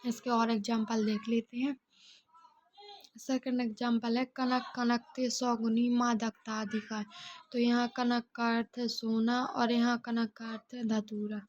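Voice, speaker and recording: A woman's voice: a little high, level tone, a little slow, lo-fi sound, slight background noise. A woman teaching a Hindi grammar revision lesson, explaining by asking and answering her own questions.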